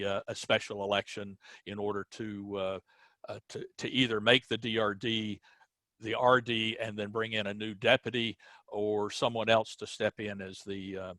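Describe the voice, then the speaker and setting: A man on a board of directors answering questions in an online webinar, explaining things in a measured way with frequent hesitant pauses over a video call. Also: on the low side, sharp tone, no room sound. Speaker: board member.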